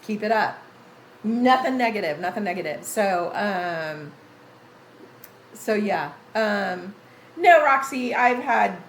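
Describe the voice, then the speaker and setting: A woman's voice: mid-range voice, vocal fry, echoey room, a little hiss or hum, low-quality recording. A woman in her sixties hosting a gaming livestream, chatting casually with her viewers and reading chat names aloud, rambling with frequent restarts. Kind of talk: casual chat with live chat readers.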